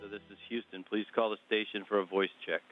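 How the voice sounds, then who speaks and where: A man calling from mission control over a space radio transmission in a steady, formal radio-call manner. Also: on the low side, a little fast. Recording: narrow phone-like radio line with music behind.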